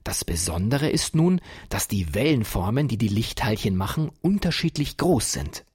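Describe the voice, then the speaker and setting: A man voicing a kindly, enthusiastic old professor who patiently explains things to a child, in a husky voice. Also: medium pitch, moderate pace, no room sound, clean studio sound. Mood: explaining. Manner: patient explaining, lively delight.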